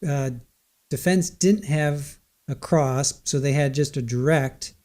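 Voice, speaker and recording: Male livestreamer, higher-pitched but soft-edged, rambling reactive commentary, low gain hiss on the recording. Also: slow pace. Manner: rambling, self-correcting, exclaiming. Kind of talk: casual live reaction commentary.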